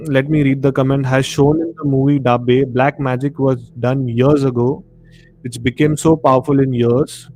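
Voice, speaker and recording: On a noisy live stream, a host with an Indian accent talks casually about horror and conspiracy topics. His voice is medium in pitch and a little mellow, and his explanations are conversational, peppered with "you know."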